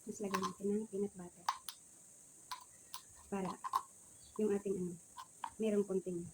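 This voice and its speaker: A noisy recording with roosters behind a Filipino woman vlogger. She talks at a medium pitch with the speech of someone missing front teeth. She chats casually to her viewers between bites of food. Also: little pitch movement, normal speed. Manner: talks while eating, savouring with small hums. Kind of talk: casual mukbang chat to viewers.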